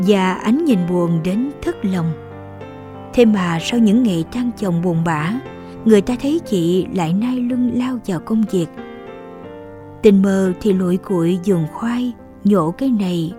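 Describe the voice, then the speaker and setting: A woman's voice: mid-range voice, dark tone. Somber woman storyteller. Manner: slow, sorrowful reading. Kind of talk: scripted narration.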